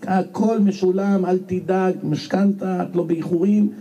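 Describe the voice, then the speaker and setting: A man's voice: sits high, steady tone, mellow, lo-fi sound, a little hiss or hum, close to an everyday voice. A man voicing an earnest, unworldly elderly male scholar who has never handled money.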